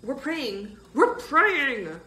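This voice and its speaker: A woman's voice: a little high, expressive, unhurried, a bit bright, echoey room, distant mic, slight background noise, voice pushed up. A woman reading aloud, voicing an eager, breathless young boy who urges his friends on. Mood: urging. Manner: urging, breathless.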